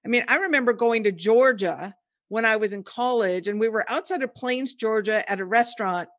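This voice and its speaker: Chatty, laughing woman podcast host, higher voice. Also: a little fast, a bit bright. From United States (Washington state). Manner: chatty storyteller, laughs often. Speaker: podcast host and tour leader. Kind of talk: casual conversational interview.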